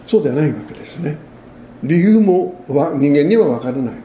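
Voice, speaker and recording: A man's voice: fairly high pitch, expressive, fairly quick, warm tone, roomy sound, a little hiss or hum. A man preaching a sermon as a pastor, in a conversational way, often ending phrases with tag questions.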